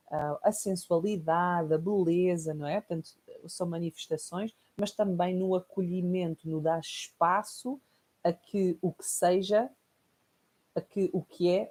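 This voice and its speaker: A woman's voice: lowish voice, dark tone. A woman with a European Portuguese accent teaching a recorded online lesson in a reflective, explanatory way, often checking in with tag questions. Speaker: course teacher.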